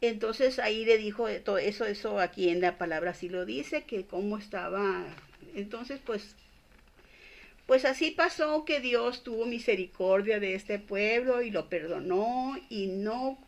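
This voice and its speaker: Slow, halting grandmother storyteller. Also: mid-range voice, vocal fry. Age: older. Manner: slow, halting, repeats words and restarts. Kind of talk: Bible story for children.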